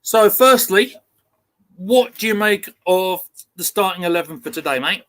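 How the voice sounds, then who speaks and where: High-pitched Essex man hosting a chat. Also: animated, moderate pace, a bit bright. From Essex, England. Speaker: host. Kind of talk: casual football livestream chat.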